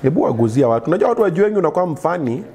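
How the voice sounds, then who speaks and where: A man with a Kenyan accent hosting a casual interview, teasing his guest with quick questions in English and Swahili, recorded on a restaurant set. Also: fairly high pitch, sing-song, a little mellow. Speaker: host.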